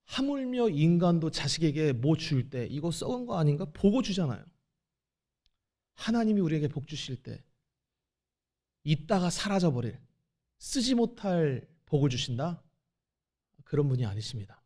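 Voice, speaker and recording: A man's voice: a little high, sing-song, a little slow, long pauses, a little mellow. A man preaching a Sunday sermon as pastor, talking straight to the congregation and acting out God's questions with rising force. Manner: conversational, addresses the congregation directly. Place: church.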